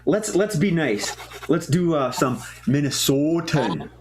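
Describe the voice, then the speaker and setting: A man's voice: on the high side, sing-song, slow pace, darkish tone. A man hosting a live improv comedy show, announcing games and giving suggestions. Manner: chatty, throat-clearing, calls games and suggestions. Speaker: improv host. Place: stage of a small TV studio.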